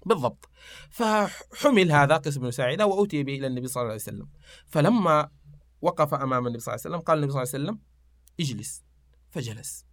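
A man's voice: on the high side, rapid-fire, no echo. A man, telling old anecdotes and reciting verse in a casual podcast chat. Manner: animated storyteller reciting poetry, fillers.

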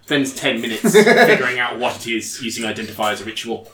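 A man's voice: medium pitch, big pitch swings, fast, sharp tone, recorded from a distance. A man talking casually as a player in a tabletop game. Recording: echoey room with faint noise.

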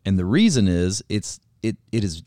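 Male co-host, lively storyteller with a very expressive voice and dry studio sound. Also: low voice, normal speed, no echo. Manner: animated storyteller, laughs often. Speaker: podcast co-host. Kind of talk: casual chat. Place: Texas marketing office.

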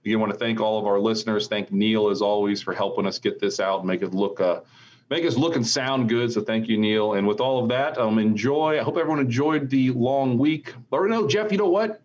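A man's voice: lowish voice, fairly quick, darkish tone, muffled recording, slight background noise. An American man hosting a podcast, chatting casually about business in a rambling, conversational way full of asides. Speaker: podcast host. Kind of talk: casual market commentary chat.

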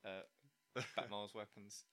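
A man's voice: fairly low pitch, fairly even intonation, takes it slowly, a bit bright. A man co-hosting a podcast, talking in casual banter and riffing playfully on absurd ideas, often breaking into laughter. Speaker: podcast co-host.

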